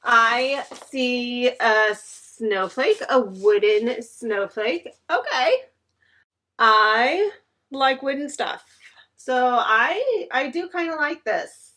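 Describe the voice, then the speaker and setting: Drawing out her words with lively intonation, a woman in her thirties speaks in a pushed, bright, fairly high voice. She chats enthusiastically to the camera while unboxing home decor in her living room, gushing over the pieces, captured from across the room.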